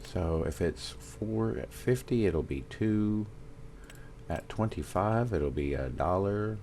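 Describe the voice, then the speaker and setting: A man with a Southern US accent giving casual gameplay commentary, thinking aloud with fillers and pauses. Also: sits low, animated, dark tone, slight background noise. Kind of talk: casual let's-play commentary.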